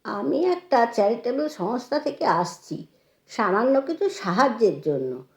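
Give me a gentle old schoolteacher speaking softly and slowly, as a woman narrator puts her on, in a roomy echo. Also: a little high, very animated. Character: elderly woman teacher, gentle, humble. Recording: echoey room.

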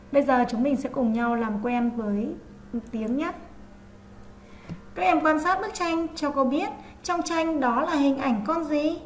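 A woman teaching an online first-grade reading lesson, sounding out letters slowly and clearly for young pupils. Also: high-pitched, a little hiss or hum. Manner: slow, clear, drawn-out pronunciation of sounds. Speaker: primary school teacher.

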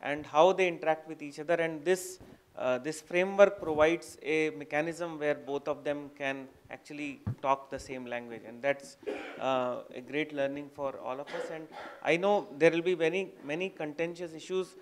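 A man moderating a conference session on a handheld mic in a lecture hall, measured with pauses. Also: a little high, fairly even intonation, a little hiss or hum. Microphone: handheld microphone.

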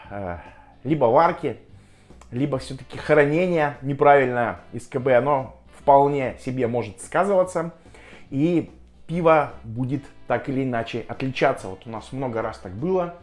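A man giving a casual, chatty and jokey review to viewers, speaking with hesitant pauses as a vlogger. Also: mid-range voice. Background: music.

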